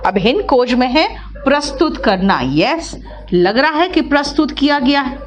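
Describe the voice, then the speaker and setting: Middle-aged woman teaching online, highish voice, keeps calling students beta. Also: big pitch swings, measured pace. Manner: talks to her students as "beta", coaxing and explaining step by step. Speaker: English teacher. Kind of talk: online class explaining vocabulary.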